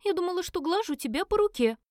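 Brief: woman doing a flustered young woman thief, high and squeaky, dry close sound. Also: animated, fast talker, a little mellow, no echo. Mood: frightened. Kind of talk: audiobook character voicing.

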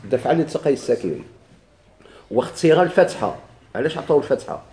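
Moving at a quick clip, a man with a Moroccan Arabic accent keeps firing questions at his grammar class and answering them himself. His voice is mellow, a little dark, medium-pitched and expressive, echoing off the room.

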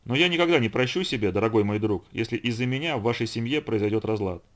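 A man voicing a composed, unflappable male educator in an audiobook reading, speaking calmly. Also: medium pitch, fast talker, close to an everyday voice. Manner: calm, composed.

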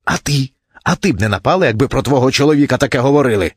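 A man's voice: medium pitch, lively intonation, very fast, slightly rough, dry recording, clean studio sound, voice pushed up. A man voicing a whiny middle-aged wife who plays sick, with a weak, plaintive voice. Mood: tearful protest. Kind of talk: audiobook character voice.

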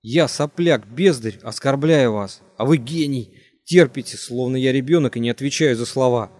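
A man voicing a bitter, drunk young man who rants and breaks into shouts, in an audiobook reading. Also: mid-range voice, lively intonation, normal speed, close to an everyday voice. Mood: shouting. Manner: ranting, voice rising to shouts.

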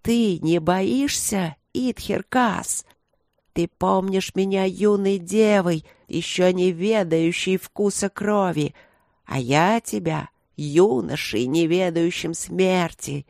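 A reader voicing an ancient, bloodthirsty old priestess who wails and pleads in a slow, drawn-out way. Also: medium pitch, gravelly, darkish tone, no room sound, clean studio sound. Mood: taunting.

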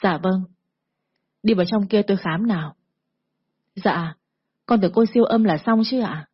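A woman's voice: mid-range voice, moderate pace, breathy edge, no echo, muffled recording, lightly acted. Woman doing a timid, frightened young woman. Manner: timid, polite, pleading.

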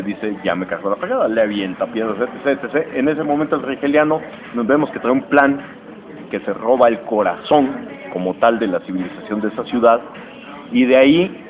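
A man with a Mexican accent, a comics podcast host, casually retelling a comic's plot in a slangy, animated way and briefly acting out characters' lines. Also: medium pitch. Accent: Mexican Spanish. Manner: animated, slangy, acts out lines in quick voices. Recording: dull lo-fi recording with steady noise.

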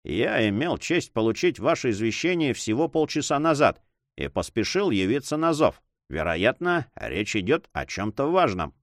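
A man voicing a hypocritical old judge who talks in a drawling, flattering, prim way. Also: mid-range voice, moderate pace, no echo, studio quality. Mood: unctuous. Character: hypocritical old male judge, pious and fawning.

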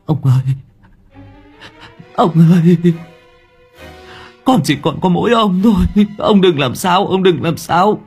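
A man doing a frantic grandson pleading high. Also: expressive, slow, long pauses, darkish tone, breathy edge, soft background music, full character voice. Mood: pleading, tearful. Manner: urgent, pleading, voice strained high. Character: desperate young village man, grandson Hải.

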